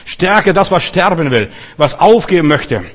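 A man's voice: expressive, a little slow, husky. Emphatic German-speaking male preacher. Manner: emphatic preaching, repeating phrases, many pitch swings. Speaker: pastor. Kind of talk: sermon.

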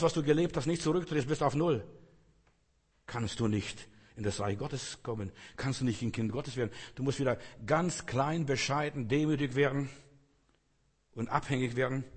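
Husky man preaching in a hall. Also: medium pitch. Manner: conversational, addresses listener with "weißt du". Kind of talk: sermon.

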